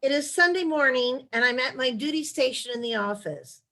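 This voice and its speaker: A woman author, a former chief of staff, reading letters aloud in a measured storytelling way during a video call interview. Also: sits high, lively intonation, a bit bright.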